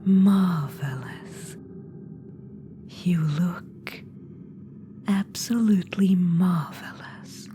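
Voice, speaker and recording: A woman gives voice to a domineering undead witch-queen spirit in an ASMR roleplay, her coaxing whisper teasing, condescending and full of command. Her lowish voice is very slow and pauses often over music, with clear background noise present.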